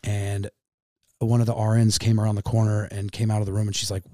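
A man in his thirties with a Midwestern American accent shares an emotional story as a podcast guest, speaking haltingly, repeating himself and calling the host "man." The voice is fairly low, monotone and dark, and the recording is dry and studio quality.

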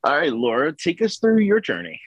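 A man hosting a live podcast, asking his guests questions in a relaxed, prompting way. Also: on the high side, moderate pace, husky, dry recording, dull audio. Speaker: podcast host. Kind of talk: live show Q&A.

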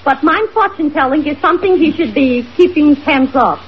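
A woman's voice: high voice, animated, moderate pace. A woman playing a wily, haggling carnival fortune teller with a put-on foreign accent and inverted broken syntax, in old-time radio comedy. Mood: sly, teasing. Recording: muffled old radio recording, audience and hiss.

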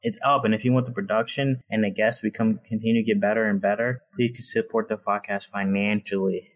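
A male podcast host with a slightly low voice. He talks in an upbeat, eager way and often fills his sentences with casual filler words. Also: steady tone, quick pace. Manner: upbeat, eager, heavy use of "like".

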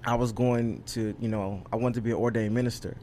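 A young California rapper, guest on a podcast, tells his story in a casual interview chat, earnest and rambling with plenty of ums and you knows. His mid-range voice is fairly even, fairly quick and darkish, with slight background noise.

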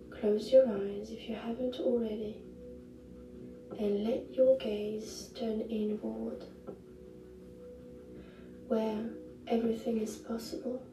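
A woman narrating a guided meditation in the gentle, hushed, unhurried manner of a sleep story narrator, with long pauses. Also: a little high, flat delivery. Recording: roomy echo, distant mic, music behind. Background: music.

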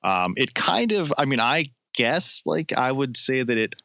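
A man's voice: medium pitch, very animated, a little slow, vocal fry, pushed and bright, no room sound. A forty-year-old man, a musician being interviewed, friendly and rambling, full of likes and restarts. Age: 40s. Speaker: musician guest. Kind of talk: casual interview. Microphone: phone line.

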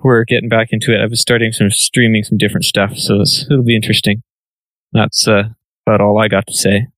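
A man's voice: fairly low pitch, level tone, a little fast, fairly bright tone, no room sound, low-quality recording. A man co-hosting a podcast, talking in a laid-back way about streaming. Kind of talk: casual podcast chat.

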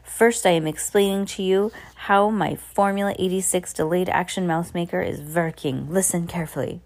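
For a storybook reading, a woman voices an evil grand witch who gloats, schemes, and gives commands in boastful, broken English. Her voice is fairly low and a little mellow at normal speed, close to how she'd sound every day.

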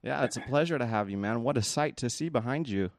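A man's voice: medium pitch, fast, dry recording, clean studio sound. A man from the United States hosting a podcast, talking in a friendly, enthusiastic, rambling way. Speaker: podcast host. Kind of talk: casual interview chat.

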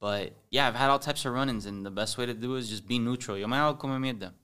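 A man with a Miami accent, a comedy influencer on a podcast, telling animated stories in casual chat and slipping into Spanish. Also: medium pitch, quick pace, clear, resonant tone. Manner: animated storyteller, acts out encounters, slips into Spanish.

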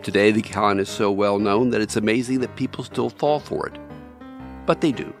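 Music plays clearly behind a low-pitched man. He hosts with scripted narration, measured and storylike, speaking straight to the listener. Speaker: podcast host.

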